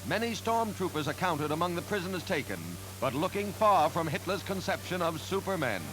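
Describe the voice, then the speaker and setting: A man's voice: sits high, lively intonation, brisk, poor audio. A man narrating wartime footage in solemn, emphatic 1940s newsreel style, with old newsreel sound. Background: music.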